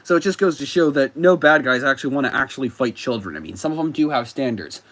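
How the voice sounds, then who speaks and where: A man's voice: mid-range voice, lively intonation, quick pace, fairly bright tone. A man giving casual commentary as a comic book reviewer, rambling with frequent fillers and self-corrections.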